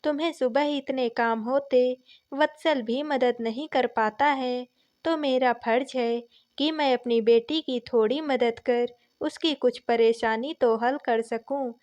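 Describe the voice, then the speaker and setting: A woman's voice: high voice, fairly even intonation, slow pace, darkish tone. A woman voicing a kindly, affectionate older father-in-law in a story reading, speaking in a soothing, fatherly way.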